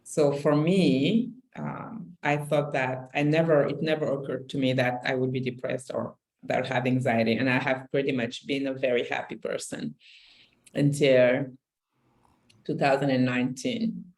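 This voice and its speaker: A woman from Senegal, co-hosting a podcast, talking candidly and reflectively in relaxed conversation, often restarting her phrases. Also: very deep voice, moderate pace, low-quality recording. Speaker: podcast co-host.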